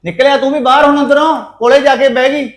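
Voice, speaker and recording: A man's voice: extremely high pitch, steady tone, fast talker, a bit bright. An actor playing a hot-tempered young brother who harshly orders his family around to force his sister's marriage. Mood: angry. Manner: harsh, threatening, commanding. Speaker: angry brother. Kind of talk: Punjabi short-film drama.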